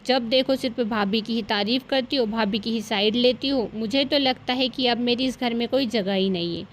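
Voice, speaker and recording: A woman's voice: fairly high pitch, normal speed, a little hiss or hum, lightly acted. A woman voicing a jealous young sister-in-law who scolds and complains in a cartoon story. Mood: angry.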